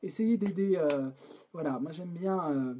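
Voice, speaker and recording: A man's voice: a little high, a little hiss or hum. French man working out song lyrics aloud. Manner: sings lines over guitar, then breaks off to talk quickly and softly about syllables. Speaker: songwriter leading a live collaborative session. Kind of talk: singing drafts and talking through lyric edits with chat. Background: guitar.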